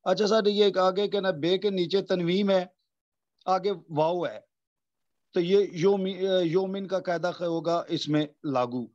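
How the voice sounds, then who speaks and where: A man's voice: high-pitched, a little mellow, muffled recording. A male student in an online tajweed class, explaining hesitantly and deferring often to his teacher.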